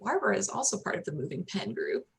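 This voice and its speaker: A woman's voice: mid-range voice, sing-song, fast, creaky, slight background noise. A woman hosting a video call, upbeat and welcoming as she greets arriving guests. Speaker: event host.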